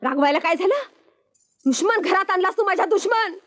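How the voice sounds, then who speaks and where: An actress playing a middle-aged, scolding mother-in-law who laments and rebukes loudly in a film scene. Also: very high-pitched, animated, brisk. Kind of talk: film acting.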